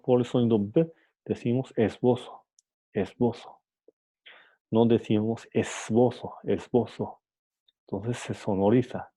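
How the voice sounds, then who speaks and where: A man's voice: mid-range voice, dark tone. A man giving a phonetics lesson, hesitant with many fillers and restarts, saying examples aloud and checking in with the listener. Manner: says examples aloud, ends points with "¿no?". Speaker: teacher. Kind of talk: phonetics lecture.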